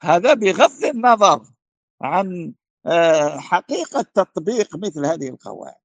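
A man speaking as a religious scholar, with a high voice that swings widely and rises to emphatic declarations. His tone is gravelly. He repeats rhetorical questions and stumbles over words, heard dry and close. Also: big pitch swings, normal speed, dry recording. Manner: emphatic, rising to forceful declarations. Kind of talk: answering a question in a religious lecture.

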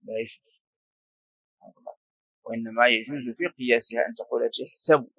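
A man's voice: medium pitch, level tone, moderate pace, pushed and bright, husky, no echo. A man teaching a classical Arabic grammar lesson, explaining patiently, repeating forms and prompting a student to continue. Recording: slightly dull lo-fi recording.

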